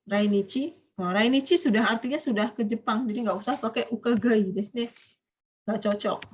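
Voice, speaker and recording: A woman's voice: fairly high pitch, normal speed, husky. A woman teaching a Japanese vocabulary class online, chatty and quizzing her students. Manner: chatty, quizzing students, frequent light laughs.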